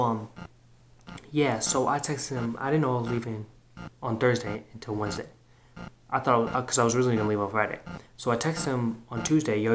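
A young man hosting a reaction video, telling a story in a loose, slangy, casual way that repeats itself. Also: mid-range voice. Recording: noisy home recording with clicks.

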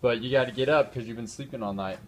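A man's voice: medium pitch, fast, slight background noise. A young man talking casually and coaxing someone along, recorded on a handheld phone in a bedroom. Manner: coaxing, repetitive urging. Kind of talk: casual chat. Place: small bedroom.

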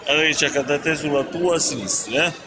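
A man's voice: a little high, fairly quick. A man vlogging as he walks through a shopping mall, narrating casually in a playful, enthusiastic, teasing way. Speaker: travel vlogger. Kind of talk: casual walking-tour narration. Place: large indoor shopping mall. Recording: noisy mall ambience.

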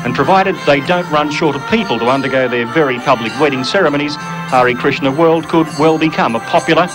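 An Australian man narrating a television news feature in a wry, measured voice-over. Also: fairly high pitch, music in the background, rough recording. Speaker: television reporter.

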